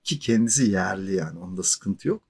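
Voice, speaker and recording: A man's voice: sits low, lively intonation, fairly quick, darkish tone, breathy edge. A man in his forties telling a personal story in a casual, conversational way, chuckling between loose filler words. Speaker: podcast storyteller.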